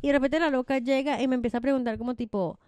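Young woman, high voice, dry close sound, chatty. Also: fairly even intonation, rapid-fire, a little mellow, clean tone, no echo. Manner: chatty storyteller, slangy. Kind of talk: casual chat.

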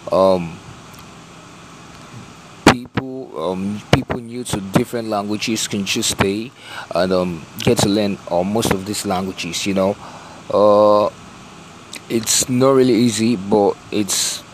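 Casting: male podcast host, Tanzanian accent, lowish voice, halting laid-back slangy delivery, faint noise behind. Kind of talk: casual spoken podcast introduction. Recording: clear steady background noise.

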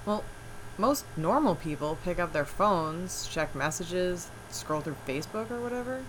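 A woman's voice: fairly low pitch, unhurried, slight background noise, poor audio. An actress playing a dry-humored wife who is groggy before her coffee, in an audio drama. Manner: dry, deadpan.

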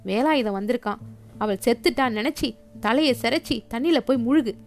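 Stern middle-aged son, read by a woman; snapping, shouting, unbending, in a story reading. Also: on the high side, brisk, natural voice. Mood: angry. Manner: shouting, curt. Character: angry middle-aged son, harsh and rigid.

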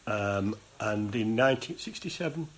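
Chatting casually with his guest, this interviewer and host recounts background stories. He's a man with a fairly low, slightly bright voice, animated in delivery and moderate in pace.

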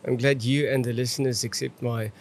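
This medium-pitched male voice carries an Afrikaans-accented South African sound, with fairly even intonation and a slightly quick pace. As a guest viticulturist, he responds conversationally and often repeats words while working out what to say.

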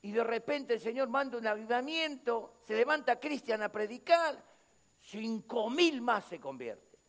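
A Rioplatense pastor preaching a sermon, emphatic and speaking straight to the congregation. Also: male voice, very high-pitched, animated, measured pace, fairly bright tone. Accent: Rioplatense Spanish. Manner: emphatic, addresses the congregation directly.

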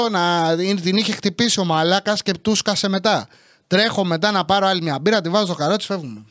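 A man with a fairly high voice tells a crude, comic everyday story in a casual way. He sounds exasperated and swears freely. The sound is close and dry, with no echo. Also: fairly bright tone. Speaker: podcast host.

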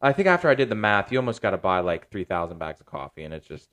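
A man with a somewhat low voice runs a casual podcast chat. He rambles along in a relaxed way, full of ums and restarts, as he plugs his small cigar lounge. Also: fast talker. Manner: relaxed, rambling, filler-heavy.

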